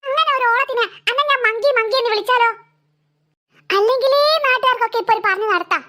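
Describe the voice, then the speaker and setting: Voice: extremely high pitch, quick pace, pushed and bright. A voice actor playing a cheeky, quarrelsome schoolboy in a cartoon, speaking with a Malabar Malayalam accent. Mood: annoyed. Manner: teasing, bragging, mock-threatening. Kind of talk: animated cartoon voice acting.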